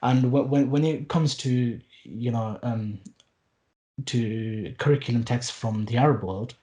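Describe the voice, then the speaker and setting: This Arabic teacher, a late-twenties man guesting on a podcast, keeps a measured pace in a warm, medium-pitched voice. The conversational interview finds him casual and earnest, restarting a lot, leaning on fillers and slipping in wry asides.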